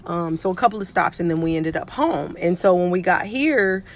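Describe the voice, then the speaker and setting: A middle-aged woman who works as a pediatric nurse and life coach tells a story to camera in a chatty, casual way. Her lowish voice is expressive and moves at a normal speed, and she acts out what people said.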